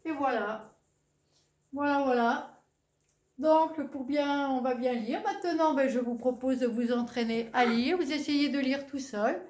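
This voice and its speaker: A woman's voice: sits high, a little slow, darkish tone, echoey room. A woman teaching a reading lesson to young children, patient and encouraging.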